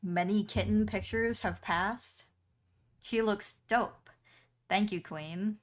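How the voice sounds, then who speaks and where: A woman's voice: mid-range voice, takes it slowly. A young woman streamer chatting casually with her viewers while she draws, with frequent ums and small laughs. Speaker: streamer and artist.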